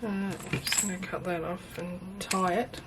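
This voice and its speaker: A woman's voice: lowish voice, fairly even intonation, moderate pace, very noisy. A middle-aged woman casually thinking aloud through a craft demonstration, sounding tinny, as if in a tin can, on a built-in camera microphone. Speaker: craft video maker. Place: indoors at a craft table. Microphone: built-in camera microphone, overhead at a distance.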